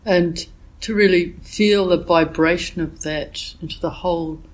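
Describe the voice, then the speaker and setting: Slow, reflective woman giving a dharma talk. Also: lowish voice, fairly even intonation, low-quality recording. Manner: reflective, unhurried, gently searching for words with frequent "yeah" and "you know". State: has a cold, voice a bit thick. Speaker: meditation teacher.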